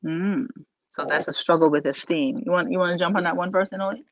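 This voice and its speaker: A woman's voice: fairly low pitch, fast. A woman from the Bahamas, a life coach co-hosting a motivational podcast, speaking emphatically with many rhetorical questions. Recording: dull, dry, lo-fi sound.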